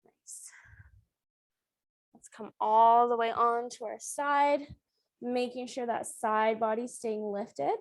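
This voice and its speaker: A woman's voice: on the high side, fairly even intonation, takes it slowly, long pauses, no echo, studio quality. A woman cueing exercises as an aerobics instructor, giving short, encouraging instructions and counts. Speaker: fitness instructor leading a beginner strength and flexibility class.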